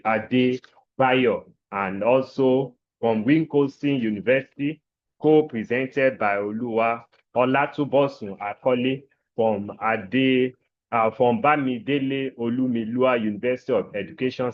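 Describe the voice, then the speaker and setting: A man moderating a conference session as chair in a formal, courteous and ceremonious way. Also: mid-range voice. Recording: dull, lo-fi sound.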